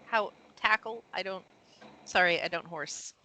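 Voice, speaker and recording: Bright-voiced woman running a tabletop game. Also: fairly low pitch, poor audio. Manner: animated, laughing, quick asides. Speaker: game master.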